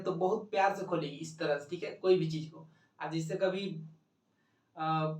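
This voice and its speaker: A male teacher giving an exam-prep lesson, explaining step by step and asking and answering his own questions. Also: sits high. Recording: echoey room, mic at a distance.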